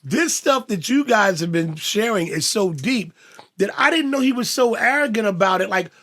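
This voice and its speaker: A man's voice: sits high, lively intonation, moderate pace, a bit bright. A man who is a comedian and guest host, reacting to the story with short comments in a casual chat.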